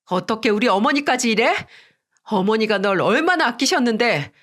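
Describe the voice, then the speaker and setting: A woman's voice: on the high side, animated, normal speed, a bit bright. A woman doing a bitter, furious injured husband. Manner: bitter and indignant. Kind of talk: Korean radio story drama.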